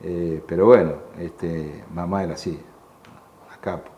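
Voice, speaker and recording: Older Argentine man, low and mellow, recorded in an echoey room. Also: steady tone. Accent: Argentine Spanish. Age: 60s. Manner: halting, repeats words, acts out quoted voices. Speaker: war veteran interviewee. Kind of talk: emotional personal testimony. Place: museum room. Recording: echoey room with faint background hum.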